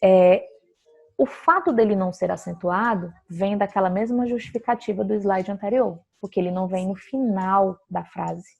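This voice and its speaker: A woman teaches a grammar lesson with a gravelly, slightly husky voice. She explains step by step and keeps checking that her students follow. Her pitch sits in a middle range. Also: moderate pace, a little mellow, dull audio. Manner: explains patiently, often checking with "tá?".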